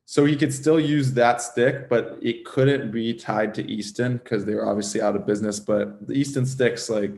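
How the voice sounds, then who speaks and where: A man's voice: medium pitch, steady tone, moderate pace, creaky, hardly any pauses, darkish tone. A man in his thirties from Southern California, a guest on a casual podcast interview, rambling and filling his speech with "like". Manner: rambling, fills speech with "like", restarts often. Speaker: guest, former pro hockey player.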